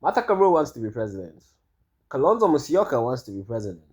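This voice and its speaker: A man's voice: medium pitch, big pitch swings, fast, a little mellow. A man giving casual monologue commentary, rambling and hesitant with many fillers and restarts. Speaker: vlogger.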